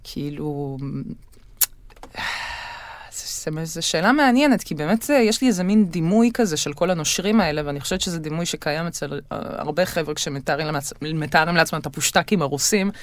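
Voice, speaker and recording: A woman comedian born in Israel, chatting as an interview guest in a lively way, full of quick asides and restarts. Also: low voice, dry recording. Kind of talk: casual interview chat.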